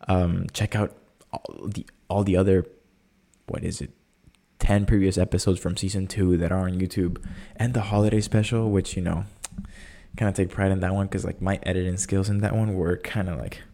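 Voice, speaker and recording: Male podcast host, low creaky voice, casual and rambling. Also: warm tone. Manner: rambling, filler-heavy with "like" and "you know". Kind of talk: casual chat.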